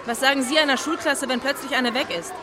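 A woman's voice: sits high, fairly even intonation, fast. A woman playing a teacher who speaks earnestly to the listener in a radio drama monologue. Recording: crowd and loud noise in a public place.

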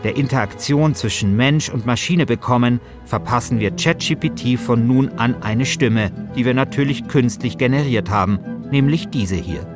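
With music playing behind him, this German podcast host speaks at an even, moderate tempo in a mid-range voice. His delivery, across both scripted narration and loose chat, is dry and playfully inflated.

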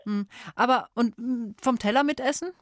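A woman's voice: on the high side, normal speed, no echo, studio quality. Friendly woman hosting a kids' call-in. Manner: friendly, encouraging with child callers. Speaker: radio show host. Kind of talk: call-in quiz show hosting for children.

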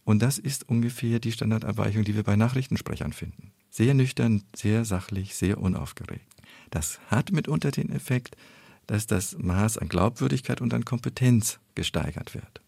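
A man with a low, gravelly voice explains his research in a calm, analytical way. His tone is a little husky, and the sound is dry and close to the mic. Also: normal speed, no room sound. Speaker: speech effect researcher. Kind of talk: expert interview explanation.

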